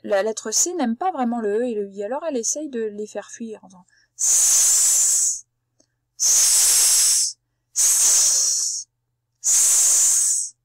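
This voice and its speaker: A woman's voice: on the high side, expressive, a little fast, hardly any pauses, mellow, no echo. A woman teaching a reading lesson to young children, patiently sounding out words syllable by syllable and talking straight to the child. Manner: addresses the child directly as tu. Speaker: primary school teacher.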